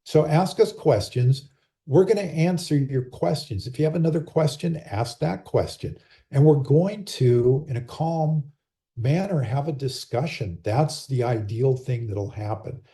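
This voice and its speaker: Calm, very dark-voiced male umpire explaining. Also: mid-range voice, measured pace. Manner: calm, explanatory, acts out sample dialogue. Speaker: umpire and rules clinic presenter. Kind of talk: instructional talk on a video call. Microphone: computer or laptop mic on a video call.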